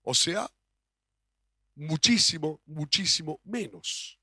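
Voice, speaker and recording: A man's voice: fairly high pitch, animated, slow pace, sharp tone, slightly rough, no room sound, studio quality. A man with a Rioplatense Spanish accent, preaching a sermon as pastor, emphatic and full of rhetorical questions.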